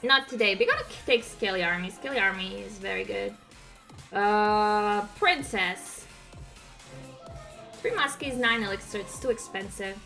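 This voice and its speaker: With faint music behind her, a young gaming streamer from Croatia speaks in an unhurried, gravelly, sharp-toned mid-range voice with a Croatian accent. Sitting at her desk at home, she gives upbeat, chatty commentary on her mobile gameplay and hums while playing.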